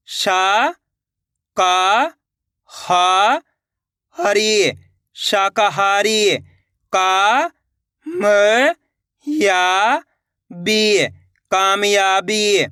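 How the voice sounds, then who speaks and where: Male tutor, unhurried syllable-by-syllable drill, crisp voice, dry close sound. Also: high-pitched, pushed and bright, dry recording. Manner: spells words slowly syllable by syllable, then repeats; addresses viewers as friends, patient and encouraging. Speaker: Hindi reading teacher. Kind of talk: online reading lesson.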